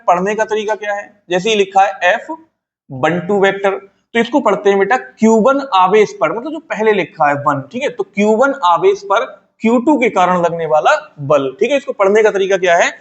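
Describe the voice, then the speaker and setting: A high-pitched man teaches physics, asking his students each question and then supplying the answer himself. He repeats key terms again and again and calls his students "beta". The recording sounds dull and lo-fi. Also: moderate pace. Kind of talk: classroom lecture at a whiteboard.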